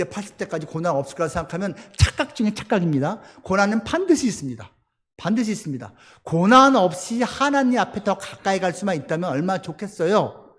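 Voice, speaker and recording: A man's voice: high-pitched, fairly bright tone. A male pastor preaching a sermon in a church, storytelling with animation and acting out voices. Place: church sanctuary. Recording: long church hall reverb.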